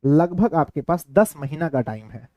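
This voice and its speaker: A man's voice: fairly high pitch, lively intonation, normal speed, no room sound, dull audio. A man with a Bihari Hindi accent teaching a class, repeating himself and quizzing his students. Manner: repetitive, keeps quizzing students. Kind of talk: classroom lecture.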